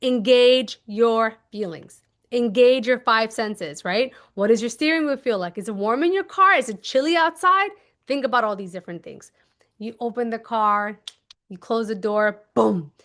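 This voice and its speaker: Woman coach on a casual livestream, kinda high voice, chatty and animated, does little sound effects. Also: normal speed. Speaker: manifestation coach.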